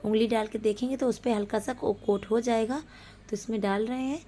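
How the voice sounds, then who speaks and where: Her voice is on the high side, warm and steady, and she talks a little fast. She's a mother of young children giving casual, playful narration for her cooking vlog while cooking at home, and a little hiss or hum runs under the audio.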